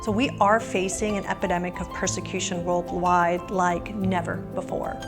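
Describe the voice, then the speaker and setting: A woman from Afghanistan speaks in a lowish, earnest and reflective voice. She sounds like a documentary voice-over, with clear music playing under her words. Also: little pitch movement, normal speed. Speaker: business owner and nonprofit director.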